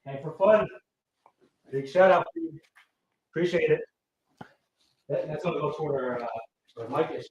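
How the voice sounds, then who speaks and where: A man's voice: fairly high pitch, normal speed, long pauses, a little mellow, highs cut off. A man co-hosting a live stream, cheerfully running giveaways and chatting casually. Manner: upbeat, drives the giveaway segments. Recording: roomy sound with faint noise.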